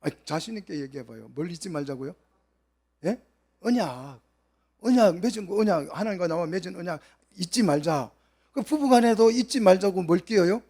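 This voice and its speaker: A man preaching a Bible exposition sermon, questioning the congregation and swinging between soft asides and loud, emphatic peaks. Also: high-pitched, expressive, a little fast, husky. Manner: asks the congregation questions and acts out quoted voices.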